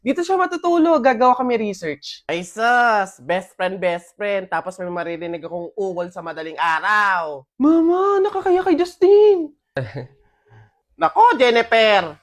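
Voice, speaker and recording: A young adult woman performing comedy skits in an animated manner, swinging between hushed asides and shrieks. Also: mid-range voice, a little slow, long pauses, no echo, studio quality. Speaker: skit comedian.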